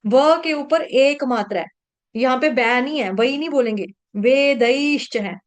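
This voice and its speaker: High-voiced patient woman teaching recitation. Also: animated. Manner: patient, repeats each syllable slowly, chants verses. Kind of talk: slow syllable-by-syllable pronunciation lesson.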